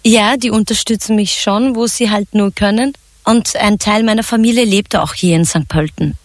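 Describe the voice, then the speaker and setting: Woman singer from Turkey, relaxed and chatty interviewee; dry studio mic. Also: medium pitch, normal speed, no room sound. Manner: relaxed, chatty, laughs often, many fillers. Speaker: singer and songwriter. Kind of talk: radio interview answers.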